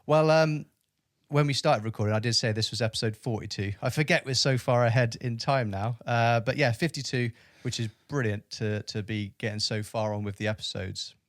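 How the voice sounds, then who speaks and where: A man's voice: medium pitch, fairly even intonation, a little fast, no room sound, studio quality. Upbeat chatty male podcast host. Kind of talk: casual interview. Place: home studio in a new flat.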